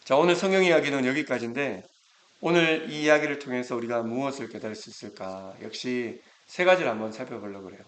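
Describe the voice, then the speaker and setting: A man's voice: medium pitch, fast, fairly bright tone, echoey room. A male pastor giving a Sunday sermon, retelling a Bible story in a casual, conversational way. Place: church sanctuary.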